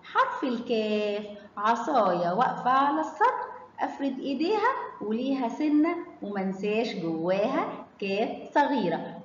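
Egyptian woman teacher, kids' phonics lesson, high bright pitch, echoey hall, slightly muffled. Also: slight background noise. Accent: Egyptian Arabic. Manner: draws out syllables slowly and quizzes the children with questions. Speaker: children's reading teacher.

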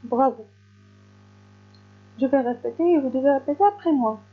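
A woman teaching a recorded reading lesson to young pupils, stretching each word slowly and clearly with patient encouragement. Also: high-pitched, phone-quality sound. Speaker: primary school teacher.

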